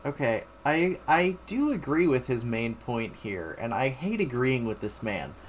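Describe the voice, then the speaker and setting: A man's voice: medium pitch, very animated, measured pace, a little hiss or hum. A man streaming casual reaction commentary, swearing freely and talking in sardonic, exaggerated exasperation. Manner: profane, hyperbolic, exasperated, sardonic.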